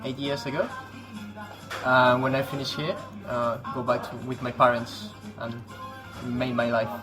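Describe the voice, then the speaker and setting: A man's voice: mid-range voice, flat delivery, measured pace, music in the background, low-quality recording. A young man from Venezuela who works at a taco shop, answering interview questions hesitantly with lots of um, uh and like. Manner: hesitant, many ums and likes.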